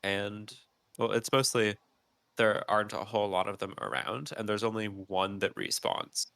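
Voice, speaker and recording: Gravelly, bright-toned man, congested. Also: on the low side, dry recording. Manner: explains at length with many ums and pauses. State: stuffy nose, sneezing. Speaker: podcast co-host. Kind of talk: casual chat.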